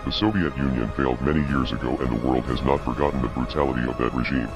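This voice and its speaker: A man reading a scripted statement as an anonymous activist spokesperson in a disguised, pitched-down voice, cold, measured and ominous. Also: steady tone. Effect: disguised, pitched-down deep voice. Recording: dull lo-fi audio, music behind.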